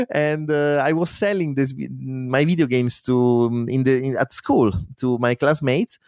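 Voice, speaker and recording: A man's voice: medium pitch, measured pace, no room sound, studio quality. A man in his forties with an Italian accent, a guest telling stories in a casual interview, laughing often and restarting his sentences. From Italy. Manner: lively storyteller, laughs often, frequent fillers and restarts. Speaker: guest, musician and programmer.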